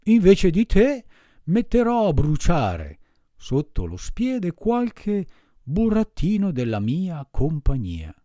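A man voicing a gruff, blustering bearded puppet master with a raspy, rattling voice. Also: wildly swooping pitch, slow, mellow, no echo, full character voice. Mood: grumbling. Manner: blustering, booming and drawn out.

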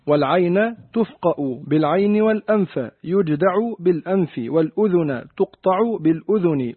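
A man reading a classical commentary aloud in a steady, formal way, glossing word by word. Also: high-pitched, slightly rough, dry recording. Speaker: reader of the commentary text. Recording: dry tinny phone-like recording.

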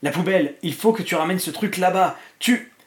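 A man's voice: sits high, a little fast, roomy sound, pitched above the performer's own voice, close to an everyday voice. A man voicing a terrified man who pleads with a dying friend in a trembling, urgent, coaxing way. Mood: fearful coaxing.

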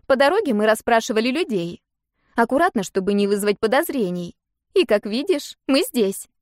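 A woman reading a storybook, voicing an earnest young girl who is the narrator's little sister, squeaky and eager. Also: big pitch swings, normal speed, dry recording, studio quality.

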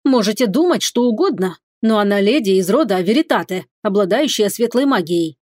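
Woman doing calm male emperor, measured, dry irony, even voice, dry studio sound. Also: medium pitch, dry recording, close to an everyday voice. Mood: firm. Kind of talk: audiobook reading.

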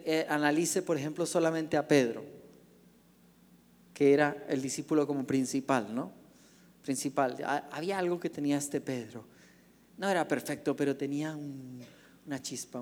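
Pastor preaching with animated storytelling. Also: male voice, on the high side, long reverb tail. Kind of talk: sermon.

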